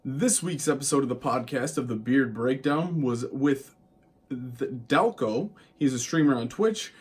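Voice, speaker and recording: A man's voice: medium pitch, animated, unhurried, breathy edge. A man in his late twenties hosting a podcast in casual, rambling chat, full of "like" fillers. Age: late 20s. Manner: rambling, easygoing, many "like" fillers. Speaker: podcast host and streamer.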